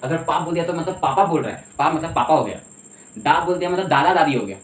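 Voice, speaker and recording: A man's voice: a little high, animated, fast. A man teaching an English lesson in a lecture style, explaining step by step and often checking that his students follow. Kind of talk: classroom lecture. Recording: echoey room.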